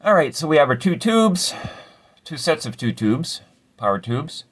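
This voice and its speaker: A man's voice: fairly high pitch, sing-song, measured pace, slight background noise. A man hosting a casual repair tutorial, explaining step by step in a laid-back way with some mild cursing. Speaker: amplifier repair host.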